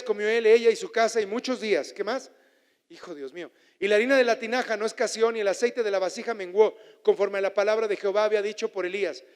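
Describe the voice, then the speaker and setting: A male pastor preaching a fervent sermon, leading the congregation in repeated declarations and shouting at the climaxes. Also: high voice, smooth. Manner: shouts and stretches words at climaxes. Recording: long hall reverb with faint crowd.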